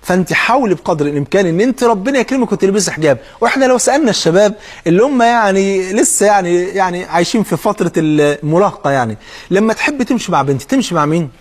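A man with an Egyptian accent preaches at a rapid clip in a high voice. His tone is husky, and he speaks straight to the listener with pointed questions. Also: animated. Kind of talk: sermon.

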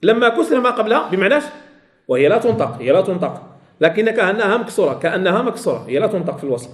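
Male teacher, high animated voice, quizzes his class and repeats points, echoey classroom sound. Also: rapid-fire. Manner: asks students questions and repeats key phrases. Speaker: Quran recitation teacher. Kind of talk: classroom lesson.

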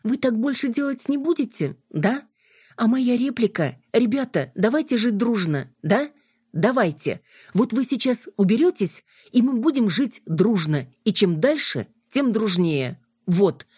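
A woman reading an audiobook, voicing a furious young woman who shouts and curses at vampires with scorn. Her lines are read with a raised, heated delivery. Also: on the high side, big pitch swings, unhurried, husky, no room sound, studio quality, voice pushed up, heavily acted.

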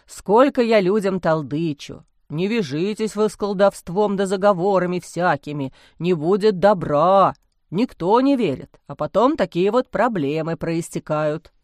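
A woman voicing a stern bearded village priest, a weary middle-aged man who grumbles slowly and gravely. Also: fairly low pitch, animated, a little mellow, no room sound, clean studio sound. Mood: grumbling. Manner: gruff grumbling, slow and grave.

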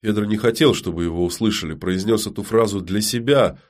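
Brief: male narrator, low voice, steady expressive reading. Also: brisk. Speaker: audiobook narrator. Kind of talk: scripted narration.

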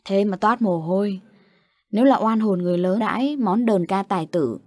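Here is a stern elderly grandmother from a spoken ghost story, heavy with warning as she scolds the family. Her voice sits at a middle pitch and stays near the reader's own, a woman reading her part. The recording is dry and close. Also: moderate pace, dark tone, dry recording, lightly acted. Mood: grave.

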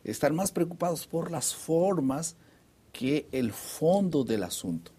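A man's voice: a little high, animated, takes it slowly, dark tone, husky. A man leading a Bible study discussion, reading verses aloud and steering the talk to the next point. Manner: guiding, reads scripture aloud, moves the talk on. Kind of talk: casual religious discussion.

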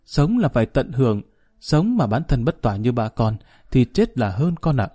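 A cold, blunt mother, as a male narrator reads her, laying things out in a dry, even voice. The tone is mellow and mid-pitched, nearly the storyteller's own. She never rises to meet the drama. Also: normal speed, breathy edge. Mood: cold steady. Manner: flat, even, dry delivery. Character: cold, blunt middle-aged mother, calm and unyielding.

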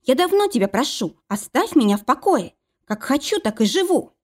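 A woman voicing a frightened young woman, speaking high and pleading. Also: big pitch swings, normal speed, a little mellow.

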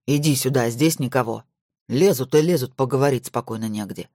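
A woman reading a grumpy, nervous middle-aged male boss in an audiobook, grumbling low. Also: fairly quick, warm tone, no room sound, clean studio sound.

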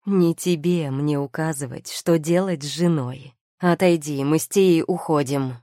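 A woman's voice: low voice, a little slow, dark tone, no room sound, clean studio sound. A woman reading an audiobook voices a scheming husband, drawling and ingratiating. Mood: angry. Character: scheming husband, smooth and cold.

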